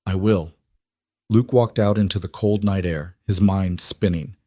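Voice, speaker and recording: A male narrator tells a dramatic story in a steady, measured manner. His voice sits on the low side, recorded close and dry with no room echo.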